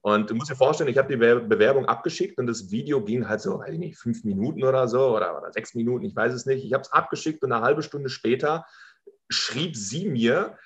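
A man's voice: medium pitch, a little fast, muffled recording. A man telling an anecdote as a podcast guest, rambling with many restarts and stammers.

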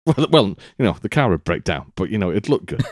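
Deep British man, casual chat. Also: very animated, a little fast, no room sound, clean studio sound. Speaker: podcast co-host.

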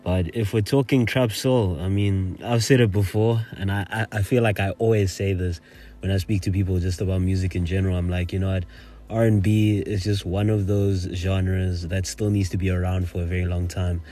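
A man's voice: low voice, steady tone, moderate pace, dark tone. A man with a South African accent giving his opinions in casual podcast discussion. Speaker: podcast panelist.

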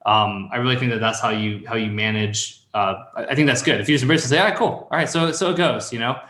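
A call-in show host and copywriting mentor in his thirties gives casual advice in a chat, rambling and thinking out loud as he goes. His voice is medium-pitched, fast and sharp, and the room sounds echoey.

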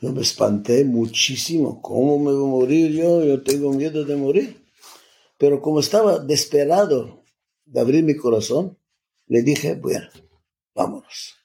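Older man telling his story, halting. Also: medium pitch, vocal fry, dark tone. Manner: halting, restarts often, salty slang. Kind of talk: personal storytelling, casual.

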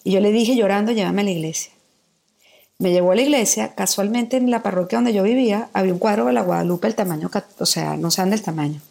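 A woman's voice: mid-range voice, fast, gravelly, few pauses, warm tone. A middle-aged woman from Mexico, a guest telling her personal story with vivid, candid emotion. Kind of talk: personal testimony in a podcast conversation.

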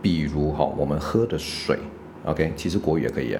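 A man's voice: a bass voice, a little fast, a little mellow, a little hiss or hum. A man with a Taiwanese Mandarin accent teaching English pronunciation in a casual spoken lesson, explaining patiently and dropping English fillers like OK and right. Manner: explains patiently, with frequent check-ins.

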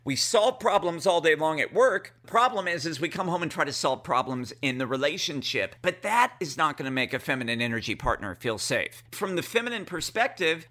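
A man's voice: fairly high pitch, bright, forceful tone. A man talking as a relationship coach on a podcast, earnestly addressing his listeners directly. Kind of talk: podcast monologue.

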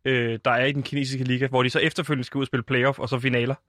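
A man's voice: mid-range voice, level tone, a bit bright, no echo, clean studio sound. A man hosting a radio football segment, asking questions and teasing his co-host. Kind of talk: casual radio banter.

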